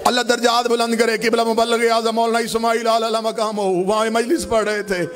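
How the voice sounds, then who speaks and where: A man preaching a mourning sermon with passion, often breaking into a chanted sing-song and rising to loud cries. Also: very high-pitched, flat delivery, brisk, over a noisy crowd. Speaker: Shia majlis orator.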